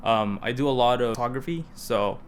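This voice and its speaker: A man's voice: medium pitch, a little fast, slight background noise. A young man hosting his own car project vlog, talking loosely to camera with frequent restarts. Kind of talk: casual vlog talk to camera.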